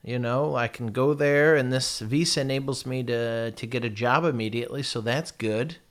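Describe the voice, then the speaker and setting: An American vlogger with a noticeable lisp chats casually with his viewers at a normal speed in a medium-pitched voice. He rambles, swears and makes fun of himself.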